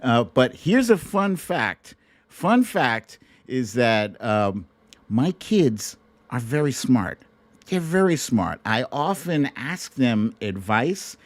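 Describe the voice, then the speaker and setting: A middle-aged livestream host speaks slowly at medium pitch, his voice swinging widely. He chats directly and conversationally with viewers in a rambling manner via a streaming mic at a laptop setup, and the recording is dry.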